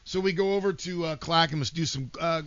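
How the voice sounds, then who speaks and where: A man's voice: fairly high pitch, fast, fairly bright tone. A middle-aged American man chatting casually as a podcast guest in a living room, a blunt, rambling and profane storyteller. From Portland, United States. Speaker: podcast guest, former TV personality. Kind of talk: casual chat with anecdotes. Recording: slightly dull, lo-fi podcast sound.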